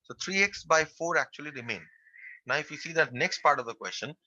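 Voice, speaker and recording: Bright-voiced math teacher. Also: male voice, fairly high pitch, expressive, brisk, no echo, lo-fi sound. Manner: step-by-step, repeats key phrases. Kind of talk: online class explanation.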